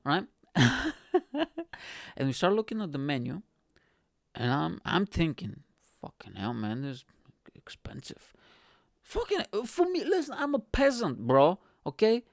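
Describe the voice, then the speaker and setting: A Bulgarian man in his early thirties hosts his podcast, telling stories in a lively, casual way: animated, swearing, laughing and acting out quotes. His voice sits on the high side, and he's recorded close on a stand-mounted studio mic in a small room at home, with no room sound audible.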